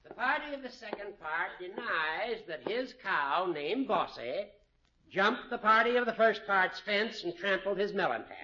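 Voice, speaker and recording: High-pitched pompous old judge. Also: male voice, very animated, moderate pace, bright, forceful tone, heavily acted. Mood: officious. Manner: pompous, formal, declamatory. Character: fussy, pompous older male judge. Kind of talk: 1950s radio situation comedy acting. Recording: muffled, noisy 1950s radio recording.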